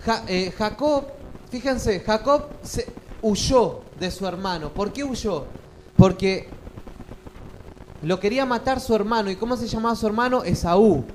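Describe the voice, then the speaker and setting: A man's voice: high voice, measured pace, darkish tone, slight background noise, poor audio. A male pastor, preaching a sermon and often asking the congregation questions. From Chile. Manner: asks the congregation frequent questions.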